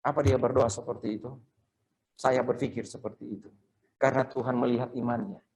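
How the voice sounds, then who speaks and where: A man's voice: mid-range voice, steady tone, brisk, darkish tone, rough recording. A male pastor giving a Sunday sermon in church, conversational, tossing rhetorical questions to the congregation. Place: church service.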